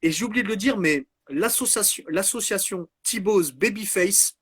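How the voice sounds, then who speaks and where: A man's voice: high voice, moderate pace, fairly bright tone, husky. A man co-hosting a casual music chat, enthusiastic and playful. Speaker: podcast co-host.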